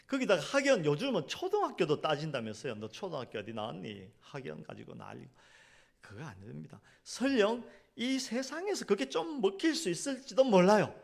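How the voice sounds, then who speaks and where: A middle-aged male pastor preaching in a church, telling humorous stories and then building to loud, emphatic points. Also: fairly high pitch, creaky. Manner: swings from hushed storytelling to loud emphatic preaching. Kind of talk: sermon with storytelling. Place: church sanctuary.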